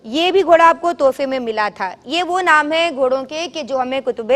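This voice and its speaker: A woman hosting a children's program, telling stories and quizzing the kids, having them repeat the answers loudly. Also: high voice, big-room sound. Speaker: children's show host. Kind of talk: teaching children in call-and-response. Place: television studio with children.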